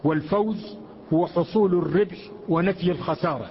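High-voiced man reciting slowly. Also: background noise. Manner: slow measured recitation of quotations. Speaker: student reading the text aloud. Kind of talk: recited reading of a religious text. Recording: muffled lesson recording in a reverberant hall.

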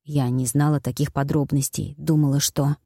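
Чтица изображает тихая пожилая экономка. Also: female voice, moderate pace, no room sound, studio quality. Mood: grumbling. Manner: quiet, muttering, low. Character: elderly housekeeper woman, devoted and fretful.

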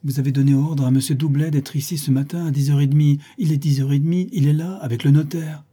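A man's voice: medium pitch, brisk, warm tone, husky, natural voice. A man voicing a devoted, anxious old valet who pleads with his master in a trembling voice.

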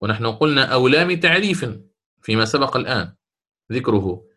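A man, a sheikh, explaining a recitation poem in a lesson, chanting the verses slowly and checking his listeners with quick questions. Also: medium pitch, big pitch swings, pushed and bright. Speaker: sheikh teaching Quranic recitation.

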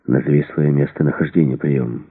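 A man voicing a calm male military radio operator, brisk and formal. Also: extremely low pitch, husky, dry recording, exaggerated voice. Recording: dry, tinny phone-like sound.

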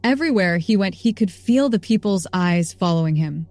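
A woman narrating an audiobook in an even, measured reading. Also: fairly low pitch, soft background music.

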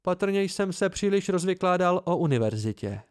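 A man voicing a weary, soft-spoken innkeeper in an amateur audiobook, with a raised, plaintive delivery. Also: high-pitched, very animated, clear, resonant tone, no room sound, clean studio sound, voice pushed up.

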